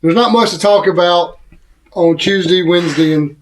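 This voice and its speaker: Male podcast co-host, high-pitched, relaxed storyteller. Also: moderate pace, slight background noise. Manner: laid-back storytelling with quoted asides. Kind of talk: casual chat.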